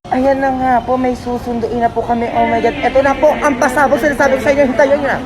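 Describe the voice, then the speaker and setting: A woman chatting excitedly and hyping people up. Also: sits high, quick pace, crowd noise, low-quality recording. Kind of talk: excited live chat.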